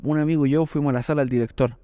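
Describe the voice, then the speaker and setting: A man with a Chilean accent, co-hosting a podcast and telling school stories in a casual, slangy, animated way. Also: on the high side, racing, no room sound, dull audio. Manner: slangy, animated, self-mocking storyteller. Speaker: podcast co-host. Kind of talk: casual storytelling chat.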